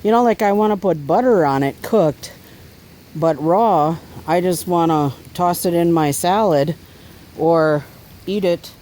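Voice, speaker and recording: A man's voice: a little high, unhurried, a little mellow, a little hiss or hum, low-quality recording. A man casually talking through an outdoor cooking vlog, chatty and easygoing while he eats and cooks by a fire. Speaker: bushcraft vlogger.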